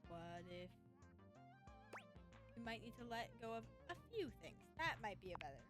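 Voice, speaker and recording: A woman streaming a dating game, chatting playfully and reacting out loud to what happens. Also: mid-range voice, big pitch swings, moderate pace. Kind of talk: casual gameplay commentary. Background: game music.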